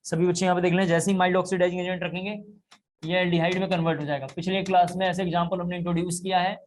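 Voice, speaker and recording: A man's voice: high-pitched, flat delivery, very fast, a little hiss or hum. A man teaching a chemistry class, explaining step by step and repeating key points. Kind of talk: classroom lecture.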